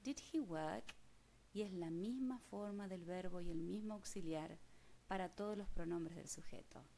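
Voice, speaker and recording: A woman's voice: fairly low pitch, moderate pace, vocal fry, warm tone, a little hiss or hum. A woman with a Rioplatense Spanish accent teaching an English grammar lesson step by step, patiently checking that students follow along. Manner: patient, checks understanding with frequent "mm?".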